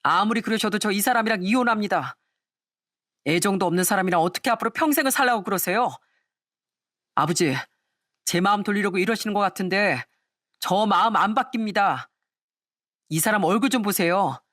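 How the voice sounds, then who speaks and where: A woman's voice: medium pitch, animated, a little fast, long pauses, fairly bright tone, no room sound. Lady reading a cold rude husband, curt and pushy, dry close read. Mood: defiant. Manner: curt, defiant. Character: callous middle-aged husband, rude and defiant.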